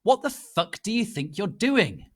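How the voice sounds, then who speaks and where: A man's voice: sits high, sing-song, measured pace, voice pushed up, heavily acted. A man voicing a moody, melodramatic teenage goth girl in a story reading, sulky and emphatic. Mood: angry, snappish.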